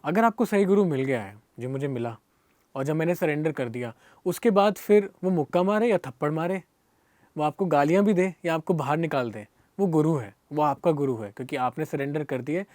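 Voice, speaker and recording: A man's voice: fairly high pitch, brisk, darkish tone, no echo. A young man with a Hindi accent telling a personal story in an interview, earnest and emotional, often restarting and repeating himself. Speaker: guest.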